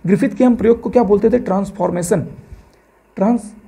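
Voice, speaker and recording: Fast, gravelly-voiced man teaching biology. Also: high voice, mellow. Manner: repeats key terms and asks rhetorical questions to the class. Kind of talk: exam-prep biology lecture.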